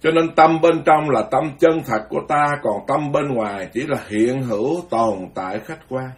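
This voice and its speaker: A man's voice: medium pitch, moderate pace, recorded from a distance. A male Buddhist monk gives a blunt, frank, scolding dharma talk and chants sutra verses.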